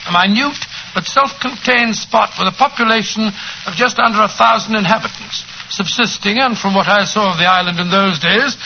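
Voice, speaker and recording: An actor playing a genial, fussy old English doctor in 1940s radio style, with a British accent and an avuncular, grumbling manner. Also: male voice, sits high, moderate pace, creaky. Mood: storytelling. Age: older. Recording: noisy, muffled 1940s radio recording.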